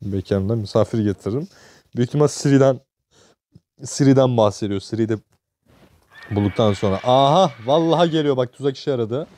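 Young turkish guy ranting over his game, mellow voice, bit of hiss. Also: mid-range voice, brisk, pauses often. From Turkey. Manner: excitable, swears and jokes at the game. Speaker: gameplay streamer. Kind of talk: casual gameplay commentary.

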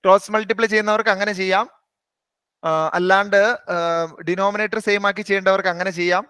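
A man teaching a live online maths class, briskly quizzing and coaxing students by name. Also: high-pitched, flat delivery, bright, forceful tone, clean tone, no room sound.

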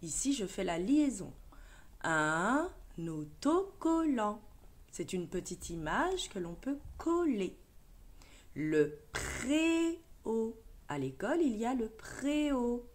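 A woman teacher with a French accent leading a reading lesson for young children, sounding out words and syllables slowly and clearly. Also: a little high, very animated, darkish tone. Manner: slow, clear syllable-by-syllable modeling. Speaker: primary school teacher.

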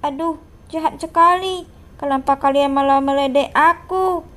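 A woman's voice: high voice, moderate pace, a bit bright, voice pushed down. A woman voicing a teased, lonely monster schoolkid with a whiny, plaintive way of talking in a game role-play.

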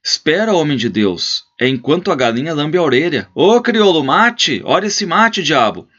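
Man putting on a loud high-pitched old rancher, chatty and insistent, storybook reading, slightly muffled recording. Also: sing-song, moderate pace, breathy edge, heavily acted. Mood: insistent, booming. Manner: calls out loudly, insistent.

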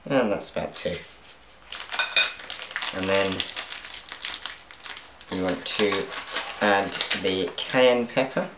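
A young man cooks in his home kitchen and talks to viewers, laughing at his slip-ups in relaxed cooking commentary. He speaks in a low register, very slowly, with long pauses. The background is noisy, the kitchen echoes, and pans clatter faintly.

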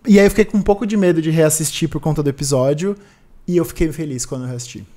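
A man co-hosting a podcast, chatting casually about films, retelling scenes with quick acted quotes. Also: on the high side, warm tone. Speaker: podcast co-host. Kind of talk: casual film chat.

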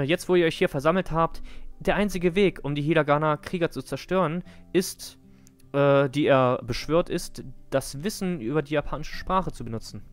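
A calm young woman who will teach the village, voiced by a man lifting his pitch a little. The reading is measured, with small slips, in a live-read game scene. Faint music sits behind. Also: close to an everyday voice.

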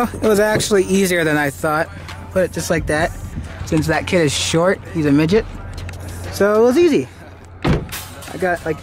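A young man from Canada chatting offhand and teasing as he vlogs a trip into a handheld camera. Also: fairly high pitch. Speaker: vlogger. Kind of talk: casual vlog narration. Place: stores, car and shopping mall.

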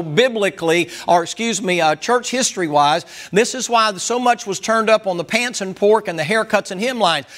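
A man's voice: high voice, a bit bright. A man preaching a Sunday school sermon in a folksy, joking and emphatic way.

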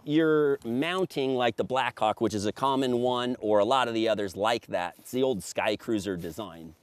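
A man's voice: medium pitch, moderate pace. A middle-aged man who deals in paramotors gives an enthusiastic product walkthrough outdoors on a grassy field, recorded by a camera on a tripod. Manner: enthusiastic, emphatic salesman. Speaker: paramotor dealer.

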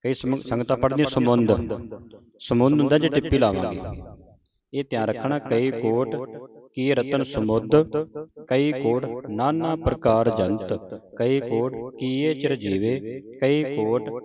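A man teaches how to pronounce scripture, reciting each line and then pausing to correct single words. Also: mid-range voice, highs cut off, a crowd in the background. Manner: recites a verse, then stops to correct a word slowly. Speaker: Gurbani pronunciation teacher.

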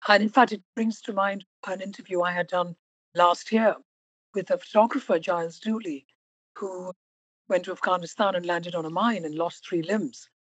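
A woman hosting an interview podcast, talking reflectively and stressing single words slowly for emphasis. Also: lowish voice, steady tone, no echo, muffled recording. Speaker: podcast host.

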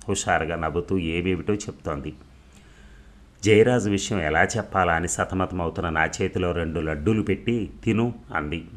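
A man reading a novel aloud as an audiobook storyteller, in a calm, measured way. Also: low-pitched.

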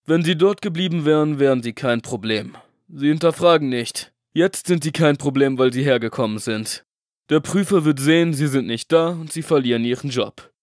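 A man voicing a cold, scheming middleman in a horror audiobook, clipped and commanding with a quiet menace. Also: on the high side, normal speed, no room sound, studio quality, lightly acted. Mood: smug. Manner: clipped, commanding, coolly threatening. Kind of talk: audiobook drama acting.

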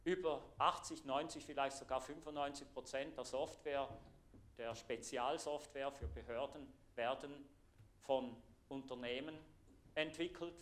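Standing in a lecture room before a projected slide, a middle-aged man from Thurgau with a Swiss German accent presents at a conference as an IT architect. His mid-range voice is earnest and explanatory, broken by frequent filler pauses.

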